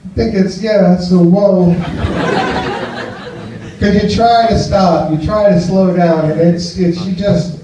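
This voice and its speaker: An American comedian in his fifties performs a self-deprecating, rambling set in a small cafe and chats with patrons. His steady voice sits high, moving slowly with many pauses. Background noise runs through the distant, roomy, muffled live recording.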